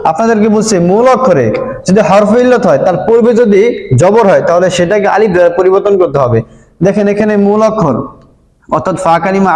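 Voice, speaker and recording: Male grammar teacher at a board, high-pitched, patient, repeats and checks in, roomy and reverberant sound. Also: a little mellow. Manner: patient, repeats points and checks understanding often. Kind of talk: board lesson explaining Arabic verb forms. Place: room with a board. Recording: echoey room with long reverb.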